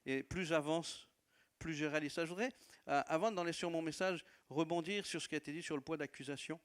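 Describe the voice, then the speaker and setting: In a church hall, a pastor speaking with a non-native French accent shares a testimony sermon, warmly recounting stories of his church with laughter and repetition. His pitch is fairly high and his delivery brisk.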